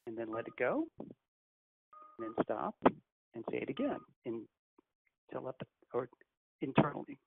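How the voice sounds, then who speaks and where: A man leading a guided breathing meditation as a channeler on a group call, speaking in a measured, commanding, instructive way. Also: medium pitch, big pitch swings, creaky. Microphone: conference call phone. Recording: tinny phone line with faint hiss.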